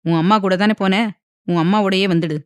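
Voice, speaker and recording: A woman's voice: mid-range voice, steady tone, a little fast, a little mellow, clear, resonant tone, no echo, lightly acted. A woman voicing an angry young husband who speaks curtly and with a warning edge. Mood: irritated. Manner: curt, warning tone.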